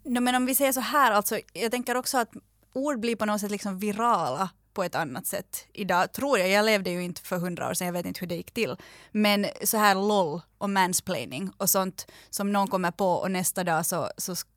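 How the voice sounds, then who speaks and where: A curious woman interviewer asks questions in a relaxed, conversational way. Her voice sits at a middle pitch. The sound is close and dry. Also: no room sound.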